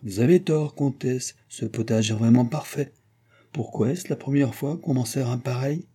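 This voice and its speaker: A man's voice: medium pitch, normal speed, warm tone, slightly rough. A man reading aloud and voicing a genial, well-fed king who talks in a hearty, insistent way. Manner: hearty, insistent, fond of his food.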